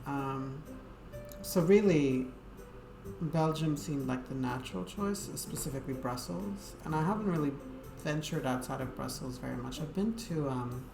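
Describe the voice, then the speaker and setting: In an echoey room with game music, a woman streams games and chats loosely with viewers, hesitating and using plenty of fillers. She talks at a normal speed in a low voice with vocal fry.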